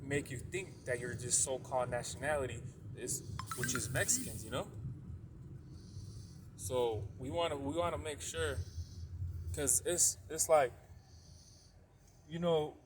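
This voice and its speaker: Guy doing a laid-back religious teaching video, rambly, lots of you know, mid pitch, slight background hiss. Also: measured pace, pauses often. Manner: rambling, heavy use of "you know" and a tag "though"; repeats points to stress them. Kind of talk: casual religious teaching monologue.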